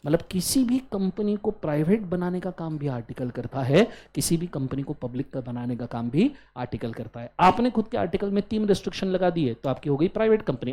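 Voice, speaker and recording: A man with an Indian accent giving a law lecture in a mix of Hindi and English. He drills his students in call-and-response chants and scolds them playfully. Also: a little high. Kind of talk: classroom lecture.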